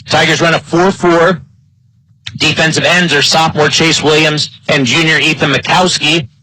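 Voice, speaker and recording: During a live high school football broadcast, an American man delivers play-by-play commentary in a pushed, bright voice at a level tone and normal speed. The rough recording has no room sound.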